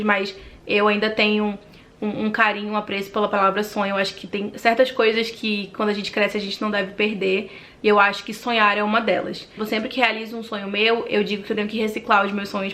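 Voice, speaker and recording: A woman in her twenties from Manaus with a Brazilian accent, telling her life story in a talkative, friendly vlog. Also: medium pitch. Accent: Brazilian Portuguese from Manaus. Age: 20s. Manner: talkative and animated. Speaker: vlogger.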